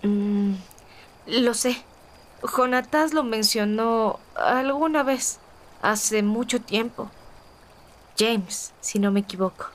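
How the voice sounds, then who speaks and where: A woman's voice: a little high, takes it slowly, pauses often. A woman playing a polite, attentive young confidante in a historical audio drama, deferential and a little hesitant. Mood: understanding.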